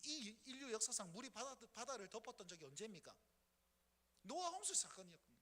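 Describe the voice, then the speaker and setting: Animated Gyeongsang pastor preaching. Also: male voice, extremely high pitch. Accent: Gyeongsang Korean. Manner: animated storytelling, acting out scenes. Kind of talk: sermon. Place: church sanctuary. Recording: echoey church hall.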